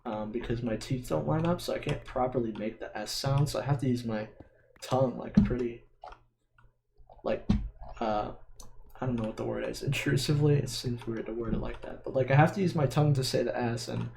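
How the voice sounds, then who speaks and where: A young man vlogs while gaming, his mid-range voice fairly quick and touched with vocal fry, and his S sounds carry a slight lisp. The hesitant, casual chatter comes from a dim room at home, where keyboard and mouse clicks mix with background noise.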